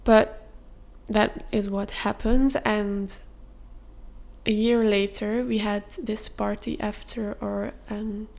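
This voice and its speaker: Creaky-voiced young woman podcaster. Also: medium pitch, little pitch movement, takes it slowly. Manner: candid, confessional, with soft fillers. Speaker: podcast host. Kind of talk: personal storytelling.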